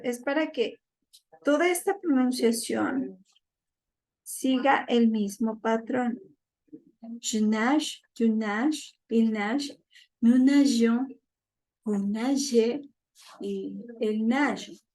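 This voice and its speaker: A woman's voice: a little high, extremely slow, long pauses, a little mellow. A young adult woman teaching a French class, patient and repetitive, checking in with her students. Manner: patient, repeats each point with check-ins. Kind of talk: online class lesson.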